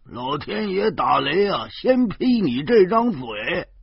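A man voicing a teasing, jovial stout middle-aged man who mocks loudly and stammers at times, on a slightly dull lo-fi recording. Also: mid-range voice, big pitch swings, measured pace, gravelly, husky, no echo, pitched above the performer's own voice, heavily acted. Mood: mocking. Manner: mocking, boisterous, stammers at times.

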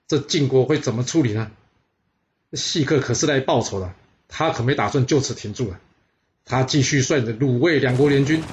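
A man's voice: fairly high pitch, noisy background. Chatty man telling history. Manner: chatty, teasing asides, many filler particles. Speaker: storyteller. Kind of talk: casual history storytelling.

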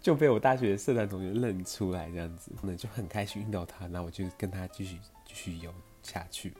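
Man, Taiwanese Mandarin accent, young adult, rambling storyteller, deep voice, soft music underneath. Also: fairly quick. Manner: chatty, meandering, with many fillers. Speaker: podcast host. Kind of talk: casual personal storytelling.

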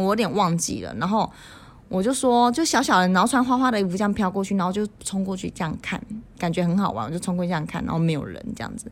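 A woman in her thirties from Taiwan, co-hosting a casual podcast and telling childhood ghost stories, acting out quoted voices. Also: medium pitch. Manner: animated storyteller acting out quoted voices, laughs often. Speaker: podcast co-host.

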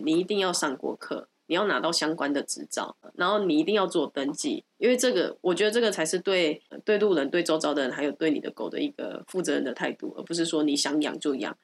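A woman's voice: low-pitched, quick pace, breathy edge. A woman with a Taiwanese accent and a stuffy, nasal voice, explaining things in casual podcast chat with firm opinions and repetition for emphasis. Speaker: podcast co-host explaining dog topics.

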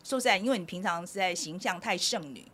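Bright, chatty woman host. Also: medium pitch, fast. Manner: laughs often, chatty. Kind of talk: casual chat.

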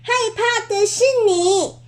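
A woman reading a storybook aloud, voicing a pack of mischievous little goblins that taunt in a shrill, squeaky sing-song. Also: fairly even intonation, takes it slowly.

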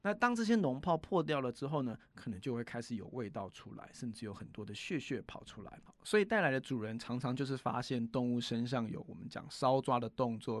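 A man's voice: mid-range voice, dry recording. Patient male vet, dry close sound. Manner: patient explainer, sentences trailing off with soft particles. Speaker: veterinarian. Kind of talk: explaining to an interviewer.

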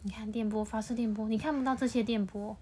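Fairly high-voiced woman reading to a child. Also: steady tone, quick pace, mellow, slight background noise. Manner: patient, explains and asks the child questions. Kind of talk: reading a picture book aloud to a child.

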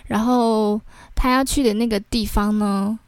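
A young woman with a Taiwanese Mandarin accent hosts a podcast, chattily telling a personal story and tacking filler words onto her sentences. Her voice sits a little high with fairly even intonation, she speaks a little slowly, and there's no echo.

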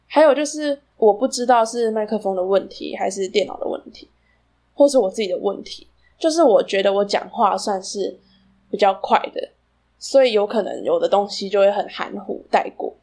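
A woman's voice: mid-range voice, normal speed, dark tone. A woman with a Taiwanese Mandarin accent hosting a casual solo podcast, rambling and self-deprecating, her articulation a little slurred from wearing braces.

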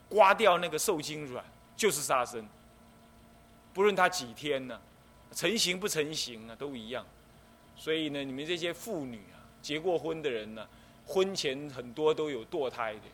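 Man, middle-aged, Buddhist abbot, precepts lecture, lively rising and falling tone, explanatory, faint background hiss. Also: a little high. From Taiwan. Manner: explanatory, lively, acts out quoted speech.

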